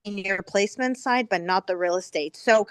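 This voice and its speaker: A woman's voice: mid-range voice, no echo, studio quality. A middle-aged woman and new real estate agent, talking eagerly and apologetically in casual chat over a group video call that keeps breaking up. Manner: eager, apologetic, chatty with quick laughs. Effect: heard over a group video call, breaking up. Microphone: computer or phone mic on a video call.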